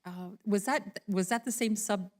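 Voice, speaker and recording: A woman's voice: medium pitch, a little slow, a little mellow. A woman chairing a county commission meeting who asks staff direct questions.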